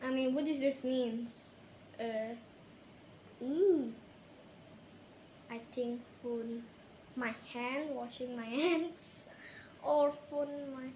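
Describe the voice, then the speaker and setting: Woman vlogger, high, unhurried, giggly and silly; echoey room, faint hum behind. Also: muffled recording. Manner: giggly, silly, talks to her viewers. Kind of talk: playful vlog chatter.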